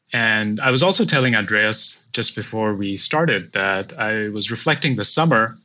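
A man in his thirties from Pakistan, a podcast guest, talking about his path in a reflective, measured way. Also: fairly low pitch, bright, forceful tone. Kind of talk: casual interview.

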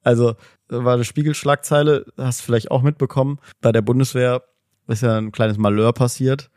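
Ein Mann, der als Co-Host in einem lockeren Podcast-Gespräch scherzt, oft lacht und Schlagzeilen vorliest. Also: male voice, mid-range voice, fairly even intonation, brisk, darkish tone, no echo, studio quality. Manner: jokey, laughs often, reads headlines aloud. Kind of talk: casual podcast chat.

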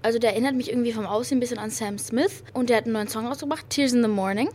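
A young German woman hosting a podcast in casual slang sprinkled with English, gushing with giddy, girlish excitement. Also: a little high, very fast. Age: young adult. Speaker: podcast host. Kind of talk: casual chatty pop-music podcast with youth slang and English phrases. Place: hotel lobby. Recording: clearly noisy room ambience.

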